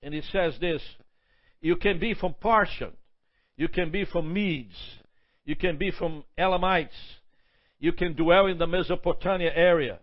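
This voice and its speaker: In an unhurried sermon, a man with a high voice builds long, emphatic lists, tripping over and repeating words as he goes. The recording is lo-fi and dull.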